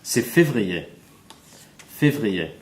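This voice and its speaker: A man's voice: lowish voice, sing-song, drawn-out words. A man teaching a French lesson, spelling words letter by letter and repeating each one for learners.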